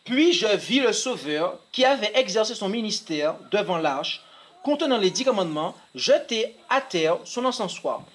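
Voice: medium pitch, sing-song, moderate pace, fairly bright tone. An interpreter translating a sermon phrase by phrase and reading quoted passages aloud, sometimes restarting words.

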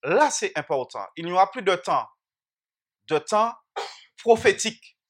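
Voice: mid-range voice, very animated, a little slow, husky. A Bible teacher giving an interactive sermon, who keeps asking the audience questions and repeats phrases with frequent restarts.

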